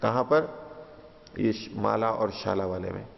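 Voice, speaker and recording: A man with a gravelly, creaky voice teaches scripture line by line, reciting a verse and then patiently restating its meaning. The recording is dull and lo-fi, with a long hall reverb trailing behind his words. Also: on the low side, a little slow. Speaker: teacher of philosophy.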